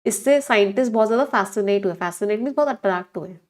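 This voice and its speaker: A woman's voice: mid-range voice, quick pace. A woman teaching English vocabulary in an online exam-prep lesson, explaining words in Hindi mixed with English and asking her students questions.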